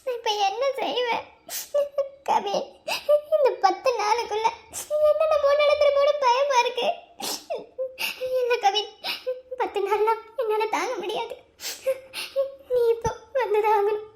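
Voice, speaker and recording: Brief: woman playing a tearful pregnant young heroine, cartoon, very high squeaky voice, pleading. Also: measured pace, a little mellow. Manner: pleading, sobbing through words. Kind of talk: cartoon love story voice acting.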